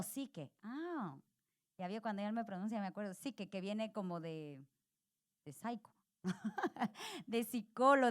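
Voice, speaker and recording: Brief: woman pastor, higher voice, chatty preaching with acted-out asides. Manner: conversational preaching with asides and quoted inner voices. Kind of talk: sermon. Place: church sanctuary.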